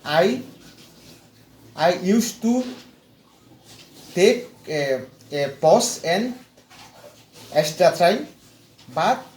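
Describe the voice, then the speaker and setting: A client giving a testimonial tells a personal story slowly and haltingly, hesitating, repeating words, and pausing at length. His voice is high, animated, and a little mellow, captured in an echoey room with faint background noise.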